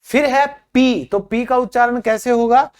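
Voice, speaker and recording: In an extremely high, smooth voice, a man teaches English pronunciation word by word, pronouncing each example separately and then glossing it. He takes his time, treats his audience as friends, and invites them to leave comments.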